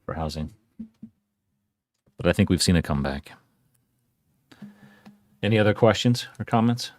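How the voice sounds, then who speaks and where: Deep-voiced man chairing a council meeting. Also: expressive, no room sound. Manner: brisk, procedural.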